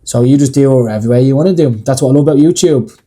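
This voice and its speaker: A man's voice: medium pitch, very fast, dark tone. A young Irish man hosting his own cooking channel, talking through a recipe in a casual, blunt, chatty way. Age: young adult. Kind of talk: scripted cooking voice-over.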